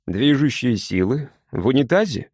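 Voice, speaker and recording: A man voicing a calm, suspicious companion who speaks in a measured way. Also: medium pitch, slightly rough, no room sound, studio quality. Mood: wary.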